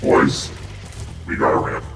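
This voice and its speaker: Playing a platform game, a streamer uses a voice changer that pitches their voice very deep, speaking slowly in goofy, self-mocking casual commentary about their own play. The sound is echoey and distant, with game music in the background.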